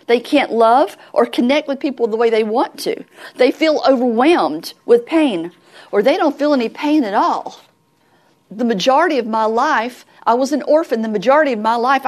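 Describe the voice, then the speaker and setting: Southern woman, middle-aged, folksy ministry teacher, slightly high voice, plain earnest delivery. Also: darkish tone. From Southern United States.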